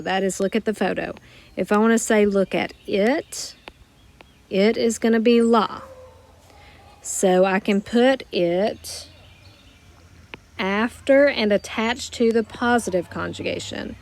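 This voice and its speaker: A woman teaching a recorded grammar lesson, explaining slowly and carefully with worked examples. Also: mid-range voice. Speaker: Spanish teacher.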